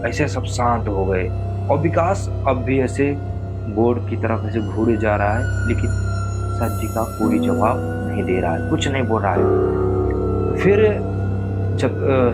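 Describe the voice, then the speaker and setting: A man's voice: mid-range voice, wildly swooping pitch, a little slow. A man telling a spooky story in a loose, conversational way, full of filler phrases. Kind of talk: casual spoken horror storytelling. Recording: clear music bed under the voice. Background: background music.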